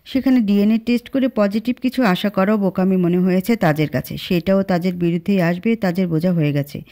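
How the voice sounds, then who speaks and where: A woman reading a romantic drama story aloud in a steady, even narration. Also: medium pitch, fairly quick.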